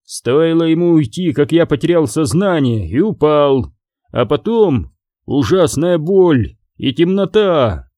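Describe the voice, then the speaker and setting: Storybook villain-ish royal: man voicing a blustering dead elf king, animated and mellow. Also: fairly high pitch, takes it slowly, no room sound, clean studio sound. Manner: pompous, grumbling.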